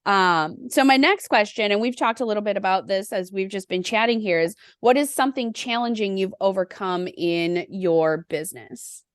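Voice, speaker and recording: A woman hosts a podcast and tells a personal story, acting out the quotes as she goes. Her voice sits at a middle pitch. The recording is dry and close, with no room sound. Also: moderate pace, hardly any pauses, dry recording. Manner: reflective storytelling, animated re-enactment of quotes. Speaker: podcast host. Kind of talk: podcast interview conversation.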